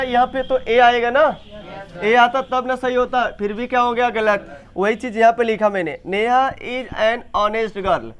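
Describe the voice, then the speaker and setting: A young man teaching an English grammar class, quizzing students and repeating sentences slowly. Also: very high voice. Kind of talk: classroom lesson.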